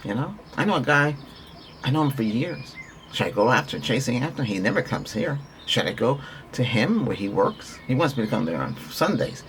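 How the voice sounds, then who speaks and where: A man speaks at an ordinary pitch, talking through a Reiki healing session in a rambling, earnest way. He repeats himself and restarts sentences as he goes. Birdsong chirps faintly in the background. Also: sing-song, a little fast, a little hiss or hum. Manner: earnest, repetitive, conversational, with restarts. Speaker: Reiki practitioner.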